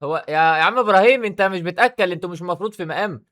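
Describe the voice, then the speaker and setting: A man with an Egyptian Arabic accent rattles off reaction commentary at a breakneck pace, teasing and stumbling over repeated words. His voice is bright and sits a little high. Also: racing. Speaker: YouTuber.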